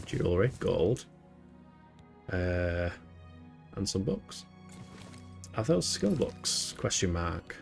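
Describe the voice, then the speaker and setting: A man chats through his gameplay in a relaxed, joking way and laughs often. His voice sits slightly low, and faint music plays underneath. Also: gravelly. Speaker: game streamer. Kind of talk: casual gameplay commentary.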